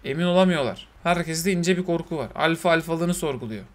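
A young man, commentating a survival game in a lively, excitable way, swearing and yelling at the creatures. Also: on the high side, a little fast. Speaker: gaming streamer. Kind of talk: let's play commentary.

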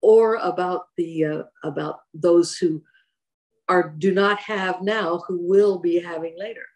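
An older woman reading a psalm and reflecting on it in a devotional talk, measured when reading and more conversational with small hesitations, recorded on a webcam at home. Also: lowish voice, darkish tone. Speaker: church devotional speaker. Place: home room indoors. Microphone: webcam at desk distance.

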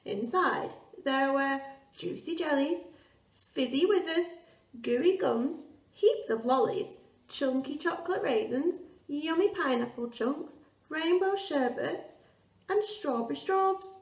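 Teacher reading a story to kids. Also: female voice, high-pitched, lively intonation, takes it slowly, far from the mic. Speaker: primary school teacher. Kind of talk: storybook read-aloud for children. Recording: roomy echo, off-mic.

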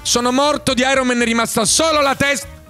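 A man giving loud, hyperactive gameplay commentary, often shouting and breaking into sing-song outbursts. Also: very high-pitched, steady tone, a little fast, soft background music. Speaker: gaming YouTuber.

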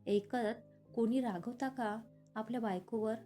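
A woman reading as a lively young wife. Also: on the high side, a little slow, soft background music, natural voice. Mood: pleading. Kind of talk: storybook reading.

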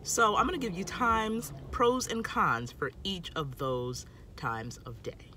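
Here a woman in her thirties, a food vlogger, offers casual tips from a parked car while her phone films her at arm's length. She speaks slowly and very animatedly in a fairly low, sharp voice, with a little hiss or hum, emphatic and using her hands.

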